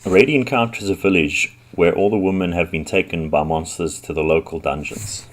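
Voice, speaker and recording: A man's voice: low voice, moderate pace. A man who is sick with the flu, casually commenting on an old computer game with frequent ums. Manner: relaxed, with frequent ums and likes. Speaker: retro game channel host.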